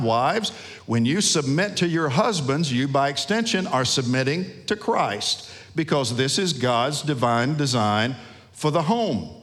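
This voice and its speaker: A man preaching a sermon as a pastor, emphatic, with rhetorical questions and dramatic pauses, in a church sanctuary. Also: fairly high pitch, a bit bright. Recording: long hall reverb.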